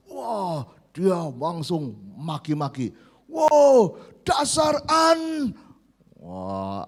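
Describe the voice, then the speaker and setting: High-voiced male pastor preaching. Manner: animated storyteller, prompts congregation to repeat. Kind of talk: sermon. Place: church service.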